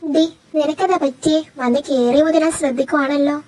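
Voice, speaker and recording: A woman doing a young woman's best friend in a fan fiction audio story. Her very high voice is caring and coaxing as she keeps pushing for the truth and then offers comfort. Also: fairly even intonation, brisk, darkish tone, lightly acted, low-quality recording. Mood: concerned. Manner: pressing, reassuring, chatty.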